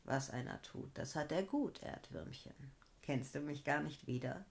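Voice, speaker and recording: A woman's voice: low voice, measured pace, creaky, voice pushed down. A woman storyteller voicing a kindly, mysterious old woman in a fairy tale. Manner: soft, secretive.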